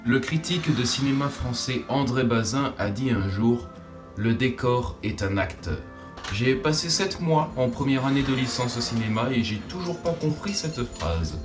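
A man's voice: medium pitch, expressive, moderate pace, hardly any pauses. A young man from France giving scripted, self-deprecating narration for his own short film. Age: young adult. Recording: roomy, distant voice-over under music.

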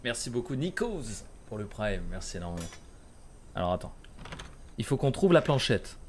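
A man's voice: medium pitch, big pitch swings, moderate pace. A man in his thirties casually commenting live on a horror game and chatting with his viewers, muttering to himself with bursts of exclamation. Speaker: streamer playing a horror game. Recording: clearly noisy, game ambience behind. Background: horror game ambience.

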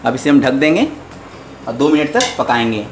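Speaking at normal speed with big pitch swings in a mid-range voice, a man cooks at his home stove and patiently instructs viewers through a recipe step by step, talking to them directly. Slight background noise is audible.

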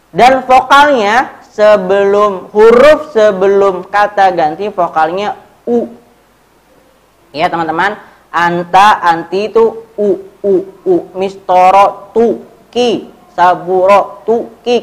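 A young man with an Indonesian accent teaching an Arabic grammar lesson, explaining step by step and quizzing his students. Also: high-pitched.

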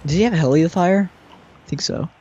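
A man's voice: on the high side, normal speed, dark tone, a little hiss or hum. Joking young man on a dull call line. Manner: joking, laid-back banter. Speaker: teammate. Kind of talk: casual chat over voice call.

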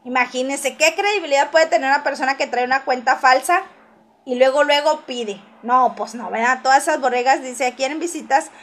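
A woman's voice: high-pitched, a little fast, a bit bright. A woman hosting a casual gossip livestream, reading viewer comments aloud and answering them with teasing asides and frequent laughs.

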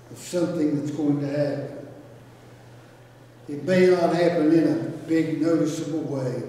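Slow, muffled pastor, distant and echoing. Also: male voice, a little high, mellow. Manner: folksy, plain-spoken, unhurried with long pauses. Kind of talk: graveside funeral eulogy and sermon. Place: outdoor graveside service, recorded from a distance. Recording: echoey, noisy, captured from far off.

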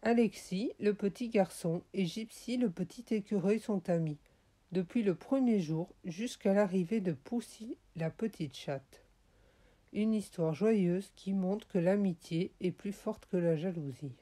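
A woman narrating a children's audiobook in a gentle, clearly paced way. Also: medium pitch, a little slow. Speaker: audiobook reader.

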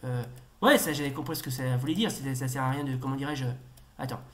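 A young man commentating a retro game as he plays, excitable and stammering, with sudden swearing outbursts. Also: medium pitch, fast. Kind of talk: casual let's-play commentary.

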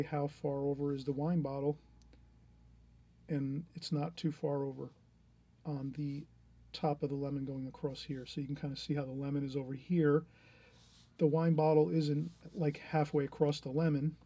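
Drawing as he talks, a middle-aged art teacher walks through a painting tutorial, encouraging and rambling with many restarts. His voice is fairly high yet gravelly and dark in tone, with a breathy edge.

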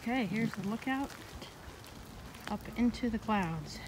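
A woman's voice: a little high, a little slow. A woman narrating her hike in a matter-of-fact, casual way while walking through a forest. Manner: plain, matter-of-fact trail commentary. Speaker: hiking vlogger. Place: outdoors in a rainy forest. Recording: outdoor recording with steady rain noise. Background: rain.

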